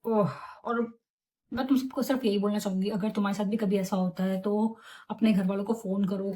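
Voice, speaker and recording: Young woman vlogger, chatty storytime, animated retelling, mid-pitched. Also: fairly quick. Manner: animated, chatty retelling with English words mixed in. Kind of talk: casual storytime vlog.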